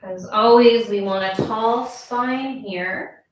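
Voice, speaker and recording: A woman instructor leading a yoga class, talking calmly and slowly with a gently playful touch. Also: mid-range voice. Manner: calm, slow, gently playful. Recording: very echoey room, voice from far off.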